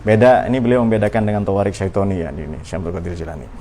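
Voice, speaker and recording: An Islamic religious teacher gives an informal study talk, conversational and playful, peppered with rhetorical questions. His voice is low-pitched and mellow, and he speaks rapid-fire.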